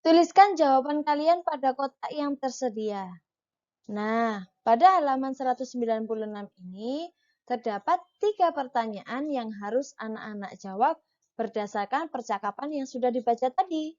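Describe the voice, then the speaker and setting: A woman teacher giving a patient reading lesson to children, reading the dialogue aloud with clear, marked intonation. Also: sits high, animated, moderate pace, a little mellow, lo-fi sound. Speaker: primary school teacher.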